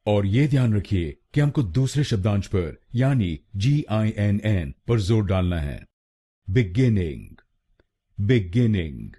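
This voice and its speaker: Slow husky male pronunciation teacher. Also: fairly low pitch, expressive, mellow. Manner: slow, deliberate, repeats each word several times. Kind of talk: scripted explanatory lesson.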